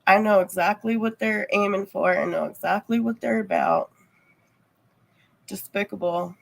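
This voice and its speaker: A woman's voice: mid-range voice, steady tone, normal speed, vocal fry, low-quality recording. A woman livestreamer chatting casually with viewers, rambling and heavy on fillers. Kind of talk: casual chat.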